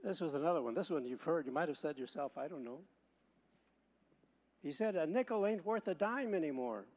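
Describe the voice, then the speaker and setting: A man, a priest, reading the gospel and preaching in a measured way, slowing to stress key words, with a long church echo around his voice. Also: fairly high pitch, lively intonation, a little mellow. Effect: long church hall echo. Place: large church. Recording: long reverb of a large church.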